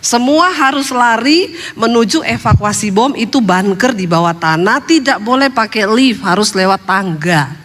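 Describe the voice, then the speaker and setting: High-voiced woman preaching in a hall. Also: expressive, normal speed, fairly bright tone. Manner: chatty and humorous, laughing at her own jokes. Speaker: pastor. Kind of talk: storytelling sermon. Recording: long hall reverb.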